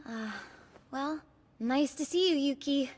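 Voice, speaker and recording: A woman's voice: sits high, slow pace. A woman playing a vain, prickly but secretly kind teenage girl in an anime dub, with a self-assured, brusque manner. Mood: awkward.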